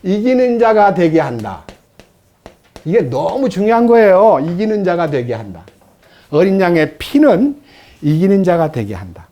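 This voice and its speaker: A male pastor preaches with a high voice that swings widely up and down. He delivers the sermon with animated energy and slips into the voices he quotes.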